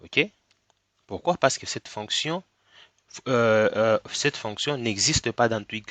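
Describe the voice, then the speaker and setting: A low-leaning, slightly bright male voice, recorded without echo, belongs to a programming tutor who has a cold. He takes his screen-recorded coding lesson slowly and step by step, frequently checking "ok?".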